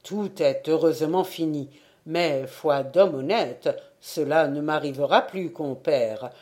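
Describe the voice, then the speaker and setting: A woman's voice: low voice, takes it slowly, dark tone, voice pushed down. A woman voicing a frightened man, a church sacristan, who pleads and raises his voice in a storybook reading. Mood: pleading.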